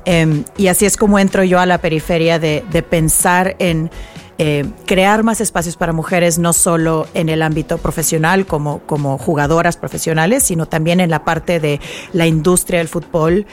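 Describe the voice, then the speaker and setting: A woman from Mexico with a Mexican accent, speaking as a guest on a radio interview, thoughtful and unhurried, with many fillers. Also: sits low, fairly even intonation, soft background music. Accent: Mexican Spanish. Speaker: guest, nonprofit executive director.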